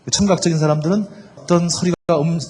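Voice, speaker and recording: A man's voice: a little high, steady tone, fast, darkish tone. Middle-aged man telling marriage stories. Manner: storytelling, acts out quoted dialogue. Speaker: lecturer on marriage. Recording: reverberant hall with faint noise.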